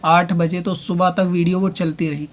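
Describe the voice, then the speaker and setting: A man's voice: high voice, little pitch movement. A man speaking a long rebuttal monologue as a religious online commentator, addressing his opponent directly and repeating his points as he argues. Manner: explains at length with repeated points.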